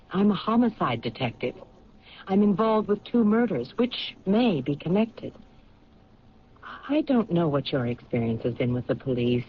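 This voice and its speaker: In the manner of a 1970s radio drama, a male actor with an American accent and a medium-pitched voice plays a patient homicide detective who probes with measured, hesitant questions. The recording is old, dull, and noisy.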